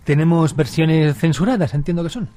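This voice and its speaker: A man's voice: a little high, fairly quick, mellow, dry recording. Man hosting a casual podcast. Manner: conversational, asks questions, chuckles at himself. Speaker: podcast host asking questions. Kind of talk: casual film podcast chat.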